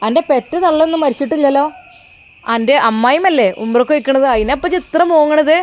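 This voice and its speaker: A woman's voice: high voice, voice pushed up, close to an everyday voice. A woman putting on a sneering older neighbour. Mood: mocking. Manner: taunting, sneering, quick. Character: older female neighbour, mocking and spiteful.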